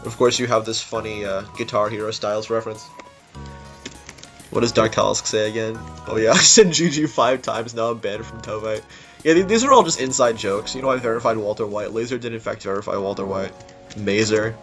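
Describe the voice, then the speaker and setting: In a somewhat low, slightly bright voice, a man talks a little fast as he casually comments on a game level he built. The commentary is informal and unscripted, with game music playing behind his voice.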